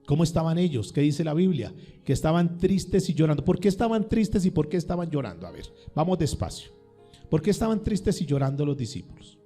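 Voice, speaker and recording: A man's voice: fairly high pitch, very animated, fairly quick, dark tone, soft background music. A male pastor preaching a sermon, firing questions at his congregation and repeating words for emphasis.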